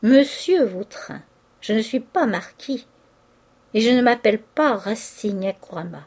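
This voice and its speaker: A proud young man, a poor student, read by a woman narrating a novel, speaks curtly and with defiance. His lines come a little higher and firmer than the narration, in an audiobook. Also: animated, unhurried, a little mellow. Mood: defiant. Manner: curt, defiant. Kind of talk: audiobook character reading.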